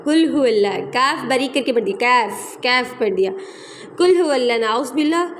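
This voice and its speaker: A high-pitched woman teaches a recitation lesson, spelling out each letter sound slowly and repeating examples. Faint noise hums behind her voice. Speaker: tajweed teacher.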